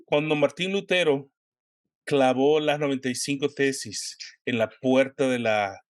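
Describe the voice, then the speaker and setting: A man hosting a conversation, asking questions and pausing to search for words. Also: medium pitch, no room sound, clean studio sound. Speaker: host. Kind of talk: interview questions.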